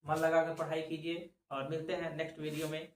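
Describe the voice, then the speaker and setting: A man teaching a reasoning lesson for exam students who keeps asking questions and answering them himself, slowly working through each step. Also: fairly high pitch, completely flat delivery, a little hiss or hum. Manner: drawn-out explaining. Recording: very echoey room, voice far from the mic.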